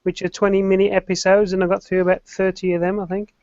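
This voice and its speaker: A man with a notably high voice talks eagerly, a little defensive. His call audio is dull and lo-fi, and the sound is dry and close. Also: flat delivery, fast, darkish tone, no echo. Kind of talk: casual group chat over video call.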